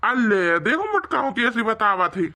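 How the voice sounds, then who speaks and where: A stubborn, bickering old village father-in-law, voiced by a woman in a cartoon comedy. His voice is pitched high and bright for an old man, and he teases his wife. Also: very animated, normal speed, exaggerated voice. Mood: complaining. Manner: mocking and bickering, later pleading.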